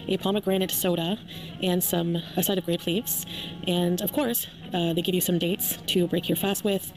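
A woman's voice: lowish voice, noisy background. A woman narrating her own vlog in a chatty, gushing and enthusiastic voice-over. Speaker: vlogger. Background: background music.

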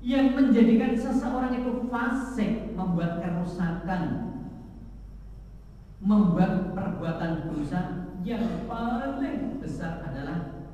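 A man giving a slow, emphatic sermon in a large mosque hall, now and then singing a phrase, recorded by a far camera. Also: high voice, expressive, mellow. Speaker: religious teacher. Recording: echoey hall from far off, dull.

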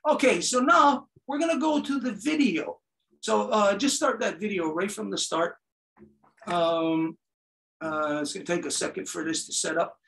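A man's voice: high-pitched, normal speed, vocal fry, a bit bright, far from the mic, a little hiss or hum, low-quality recording. A man from Kahnawake hosting a livestreamed talk, accusatory and rambling with many fillers. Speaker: host of a community talk show.

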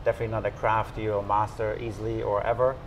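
Male chef, 30s, German accent, relaxed interviewee, lowish voice, lapel mic in a restaurant. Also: fast, background noise. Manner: calm, frequent "uh" and "you know" fillers. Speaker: executive chef. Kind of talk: casual interview. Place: restaurant booth indoors.

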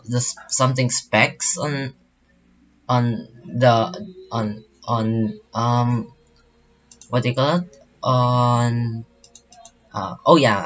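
A man's voice: mid-range voice, fairly bright tone, lo-fi sound. Rambling young man commentating a game. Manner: rambling, many fillers and restarts. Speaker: gaming channel host.

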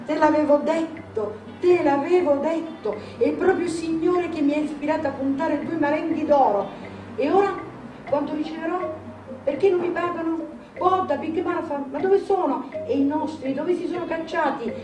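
A woman reading aloud and voicing an imperious old grandmother in the grip of gambling fever, shrill and commanding. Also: moderate pace, background noise. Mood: frantic. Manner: shrill, commanding, breathless urgency. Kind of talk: dramatic literary reading. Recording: echoey hall, distant mic, music.

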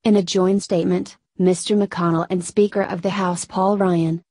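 A woman reads scripted news in a steady read-aloud way, stumbling over abbreviations. Her voice sits fairly low and has a dark, mellow tone. The close voice-over sounds dry, with no room around it. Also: normal speed, dry recording. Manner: even read-aloud delivery that garbles abbreviations. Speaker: news narrator.

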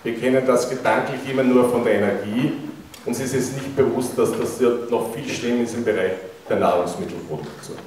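A man's voice: mid-range voice, darkish tone, distant mic, a little hiss or hum. Austrian man lecturing in an echoey hall. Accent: Austrian German. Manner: engaging, asks the audience questions. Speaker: keynote speaker. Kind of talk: public lecture. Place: large university lecture hall, indoors. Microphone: handheld mic, recorded by a far camera.

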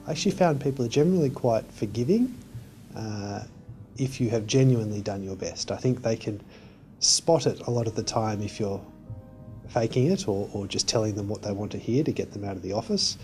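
A man politician giving a steady, explanatory interview answer. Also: lowish voice, brisk, faint music behind.

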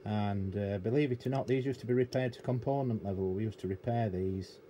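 A middle-aged British radio technician and hobbyist presenter speaks a little fast in a dark, lowish voice. He rambles through an unscripted, matter-of-fact practical explanation at a cluttered electronics workbench indoors, with room noise clearly audible behind his voice.

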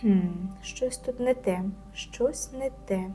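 A woman's voice: mid-range voice, moderate pace, warm tone, faint music behind, close to an everyday voice. A woman voicing a proud, stubborn schoolgirl in a storybook reading, musing and indignant. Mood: puzzled.

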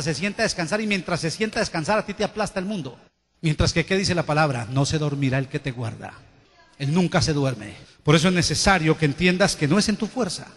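A man's voice: fairly high pitch, husky. A man preaching a sermon with fervor, calling out to the congregation and having them repeat his words. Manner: fervent preaching with call-and-response to the congregation. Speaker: pastor. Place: large church hall. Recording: long church-hall reverb.

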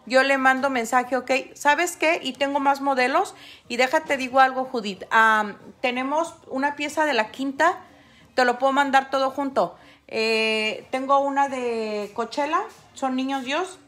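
A woman's voice: high-pitched, unhurried, a bit bright. A middle-aged woman, chatting casually with viewers on a livestream while she paints. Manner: chatty, talks straight to viewers. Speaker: artist livestreaming her painting.

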